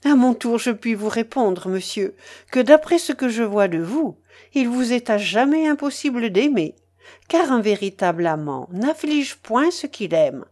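A woman reading aloud voices an innocent young woman, lifting her voice high and sounding pleading and emotional. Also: lively intonation, a little slow, a little mellow. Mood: earnest. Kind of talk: dramatic reading of a novel.

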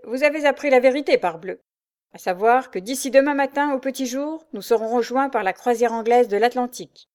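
A woman voicing a calm, polite young male nobleman who answers evenly and courteously in a read-aloud story. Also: medium pitch, normal speed, close to an everyday voice. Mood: composed.

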